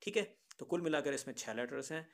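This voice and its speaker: A man's voice: on the high side, expressive, fast. A man teaching a grammar lesson, patiently explaining to children and often asking rhetorical questions. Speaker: Sanskrit teacher.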